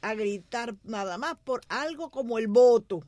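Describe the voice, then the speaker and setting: A woman's voice: fairly high pitch, animated, normal speed, warm tone, dry recording, studio quality. A woman from Cuba, co-hosting and firing off indignant rhetorical questions.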